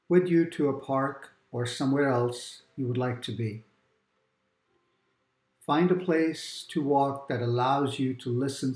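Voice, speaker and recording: A man guiding a calm grounding meditation exercise, giving gentle, unhurried instructions with long pauses between phrases. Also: medium pitch, reverberant, low-quality recording. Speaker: meditation guide. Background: quiet background music.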